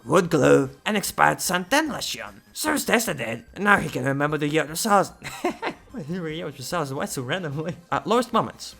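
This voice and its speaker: A man's voice: fairly high pitch, gravelly. Man reading aloud with nervous asides. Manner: reads text aloud with frequent excited and nervous asides. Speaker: YouTuber. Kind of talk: casual reaction reading aloud.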